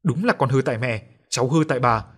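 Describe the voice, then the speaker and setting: A man voicing a stern, quick-tempered old grandfather in a ghost story, speaking gruffly. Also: mid-range voice, fairly bright tone. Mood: scolding. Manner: gruff, scolding.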